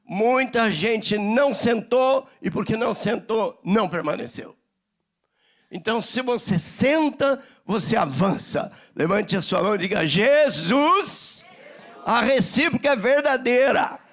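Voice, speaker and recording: A man's voice: sits high, measured pace. A man preaching a sermon at church, acting out little dialogues as he teaches. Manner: animated preaching, acts out dialogues. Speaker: pastor.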